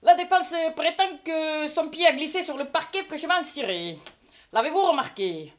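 A woman plays a pompous, mock-solemn French husband who sits in judgment on his maid. Her voice sits a little high and swoops all over. It is a live stage reading. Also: lively intonation, moderate pace. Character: indignant middle-aged husband judging his maid.

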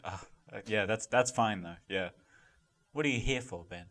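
A man's voice: fairly low pitch, moderate pace, a bit bright. A young man co-hosting a comedy podcast, rambling and trailing off into mumbles. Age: young adult. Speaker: podcast co-host. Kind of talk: casual comedy banter.

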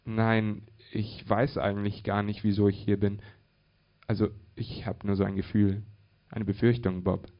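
Male reader doing a cold, mysterious businesswoman, insistent and loud, muffled lo-fi sound. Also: fairly low pitch, flat delivery, normal speed, natural voice. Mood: mocking. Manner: urgent, insistent questioning. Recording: dull lo-fi recording.

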